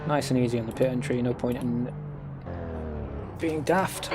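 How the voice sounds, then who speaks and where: A man's voice: medium pitch, completely flat delivery, fast, music in the background. Understated man commentating over racing engines. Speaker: sim racing streamer. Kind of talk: casual live gameplay commentary. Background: racing car engines from the game.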